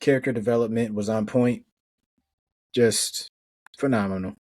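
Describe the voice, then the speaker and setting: A man co-hosting a casual movie review podcast, relaxed and agreeing. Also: on the low side, normal speed. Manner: relaxed, agreeing, short enthusiastic comments. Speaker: podcast co-host.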